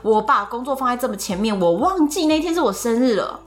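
A woman with a Taiwanese Mandarin accent hosting a podcast, telling a story in lively casual chat and laughing often. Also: on the high side, fast talker. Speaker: podcast host.

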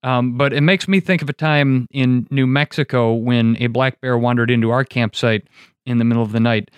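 A man's voice: medium pitch, steady tone, normal speed, clean tone, no echo. A man hosting a show, mixing casual chat with scripted narration and dry, wry humor. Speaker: podcast host.

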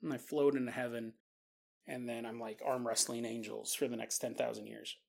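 A man's voice: medium pitch, little pitch movement, moderate pace, creaky. A man hosting a podcast, rambling through a comic monologue and often laughing mid-sentence. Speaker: podcast host.

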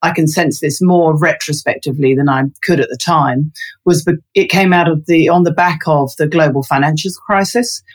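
In a casual interview, a low-voiced woman from London, a guest who studies resilience, chats thoughtfully with lots of ums and fillers.

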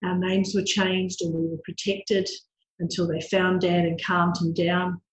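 A woman's voice: fairly low pitch, level tone, unhurried. Candid New woman in an echoey room. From New Zealand. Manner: candid, matter-of-fact storytelling. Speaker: guest. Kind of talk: interview.

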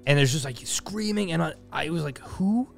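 A man's voice: a little high, expressive, a little fast, creaky, faint music behind. A man co-hosting a podcast, telling a story in an earnest, reflective way. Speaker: podcast co-host. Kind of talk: casual chat.

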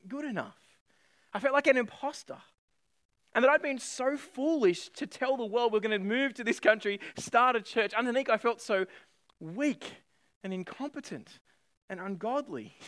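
A man's voice: extremely high pitch, normal speed, a bit bright, no echo, clean studio sound. A man in his thirties from Australia, a pastor preaching a sermon and telling a personal story with self-deprecating humor.

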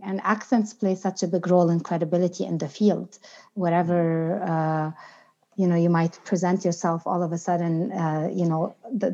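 A woman speaking as an interview guest, reflective and earnest, with emphatic, deliberate phrasing. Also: lowish voice, a little mellow, muffled recording. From outside the United States. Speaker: podcast guest, inclusion and diversity consultant.

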